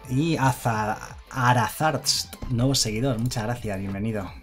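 A man's voice: medium pitch, a little slow, a bit bright, soft background music. A man commenting live on his card game, chatting casually and reading viewer messages aloud. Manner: chatty, reads chat aloud and thanks followers. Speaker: streamer.

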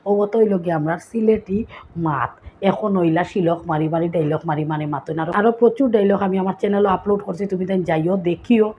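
A woman vlogger with a Sylheti accent, casually explaining local sayings and acting them out with lively bits of storytelling. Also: on the low side, fairly quick, a little hiss or hum.

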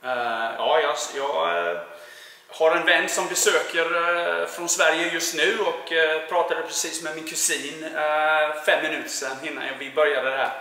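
This voice sits on the high side and keeps a normal pace. It belongs to a Swedish-accented man in his forties, a painting contractor from Sweden, who answers an interviewer in a relaxed way full of filler sounds. The lapel-mic recording was made in a large indoor warehouse, so it's very echoey with long reverb.

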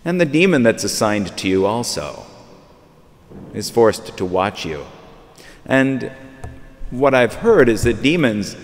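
A man's voice: mid-range voice, sing-song, takes it slowly, pauses often, soft background music. Priest in his fifties, church echo. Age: 50s. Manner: conversational, repeats phrases while searching for words. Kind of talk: sermon. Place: large church, at a pulpit. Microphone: far camera. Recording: long church reverb.

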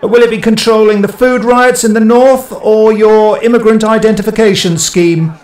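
A man voicing a hostile journalist in a story, calling out loudly as if shouting from a crowd. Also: sits high, fairly even intonation, normal speed, echoey room, voice pushed up, close to an everyday voice. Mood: hostile, challenging. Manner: shouting out from a crowd, raised and challenging. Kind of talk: dramatic audiobook storytelling.

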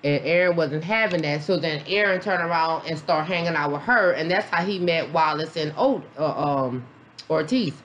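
A woman's voice: low-pitched, moderate pace, slight background noise. A woman vlogger giving a casual reaction review, blunt and profane, rambling with lots of fillers, a little tipsy. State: a little tipsy after a beer. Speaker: vlogger, mom reviewing a documentary.

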